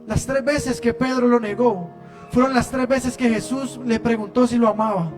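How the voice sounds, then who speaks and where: A man preaching a sermon, impassioned, moving between loud emphasis and hushed lines. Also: extremely high pitch, steady tone, normal speed, music in the background. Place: church service.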